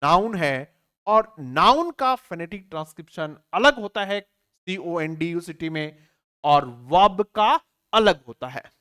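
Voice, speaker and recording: A male English teacher leads an online exam-prep lesson. He keeps firing questions at his students and answering them himself. He spells words out slowly, letter by letter, and often checks that everyone has understood. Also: high voice, expressive, fairly bright tone, clean tone.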